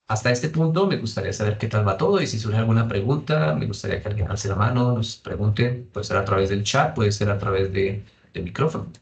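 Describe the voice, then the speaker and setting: Male English teacher, bilingual online lesson, mid-pitched voice. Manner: switches between English and Spanish, repeating each point.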